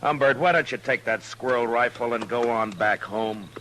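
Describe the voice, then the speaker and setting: An actor playing a steady, weary American frontier marshal in an old radio western, firm and plain-spoken. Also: male voice, mid-range voice, normal speed, lightly acted. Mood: wry, stern. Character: steady, weary frontier lawman, a grown man. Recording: noisy old radio recording.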